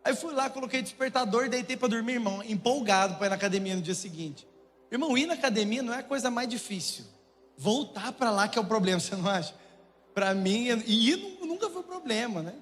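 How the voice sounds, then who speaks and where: Fast-talking Brazilian preacher man. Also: very high-pitched. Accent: Brazilian Portuguese. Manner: jokey, animated storytelling to a congregation. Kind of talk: humorous sermon storytelling. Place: church auditorium. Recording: long church hall reverb, faint noise.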